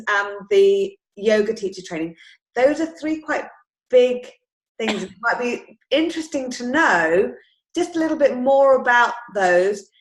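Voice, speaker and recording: A woman interviewer asking gentle, measured questions. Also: on the high side. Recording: echoey room sound.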